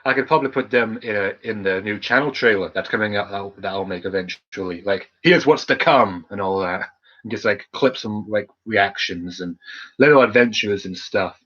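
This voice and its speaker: Man, channel host, casual rambling Q&A chat, husky voice, lo-fi recording. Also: fairly low pitch, fairly even intonation, moderate pace, a bit bright. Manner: rambling, loose, full of fillers and restarts.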